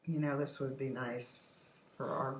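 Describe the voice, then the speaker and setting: A woman's voice: a bass voice, fairly even intonation, unhurried, reverberant, poor audio. An older woman hosting a casual home chat, telling stories in a talkative way. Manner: chatty storytelling, often laughing. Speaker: host. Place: home patio. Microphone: computer's built-in microphone.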